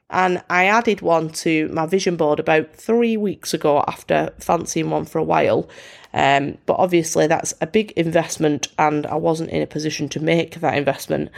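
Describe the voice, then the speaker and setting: On her solo podcast, a British woman with a low-pitched, gravelly voice talks casually and brightly, often at her own expense. She sounds stuffed up and congested.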